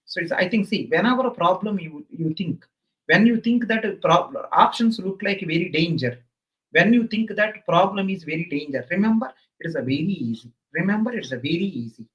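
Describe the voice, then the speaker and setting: High-pitched, animated South Indian man lecturing. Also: fairly quick, highs cut off. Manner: emphatic, repeats phrases over and over. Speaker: exam coaching teacher. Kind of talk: live online lecture.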